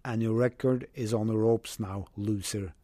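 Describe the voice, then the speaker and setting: A man voicing a weary male detective while reading aloud from a novel, in a low and plain voice. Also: steady tone, normal speed, warm tone, dry recording, close to an everyday voice. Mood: tender. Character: weary male detective, Harry, middle-aged.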